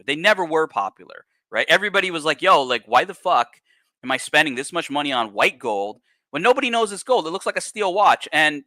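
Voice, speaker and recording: A man hosting a livestream, talking casually and bluntly, swearing freely with animated outbursts. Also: mid-range voice, dry recording. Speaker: host.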